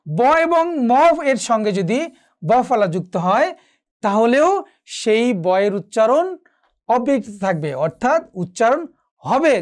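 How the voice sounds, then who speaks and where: Male teacher, exam-prep lecture, fairly high voice, self-answering questions, repetitive emphasis. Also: a little mellow. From Bangladesh. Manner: asks and answers own questions, repeats for emphasis.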